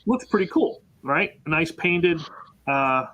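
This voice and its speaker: A man's voice: a little high, expressive, takes it slowly, a bit bright, muffled recording. Easygoing man from Pennsylvania hosting. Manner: easygoing, asks the panel questions. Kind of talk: casual chat.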